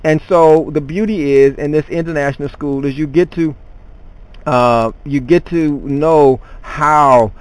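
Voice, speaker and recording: A man's voice: a little high, a little slow, clean tone, dry recording, poor audio. A man teaching students in an online class, talking off the cuff with many fillers and restarts.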